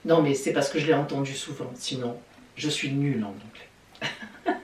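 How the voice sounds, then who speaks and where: A woman astrologer giving a weekly horoscope in a lively, chatty way, with playful exclamations. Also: rumbling low, normal speed. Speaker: astrologer and psychic. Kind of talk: weekly horoscope video talk. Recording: echoey room, voice a bit distant from the mic.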